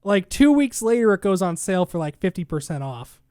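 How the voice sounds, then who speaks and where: A man's voice: sits high, very animated, brisk, darkish tone, clean tone, dry recording, clean studio sound. A man co-hosting a gaming news podcast, reading articles aloud and then riffing on them with sarcastic asides in casual chat. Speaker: podcast co-host.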